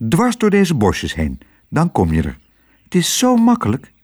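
A small girl on the run speaks earnestly and pleads in a raised, lively voice, as a man reading the story puts her on. The tone stays slightly husky, and her pitch rises and falls with feeling. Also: unhurried, heavily acted.

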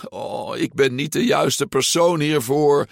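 A man's voice: mid-range voice, expressive, unhurried, gravelly, no echo, clean studio sound, pitched above the performer's own voice. A man reading a storybook aloud, voicing a timid, anxious teenage sea-monster boy who hesitates and apologizes.

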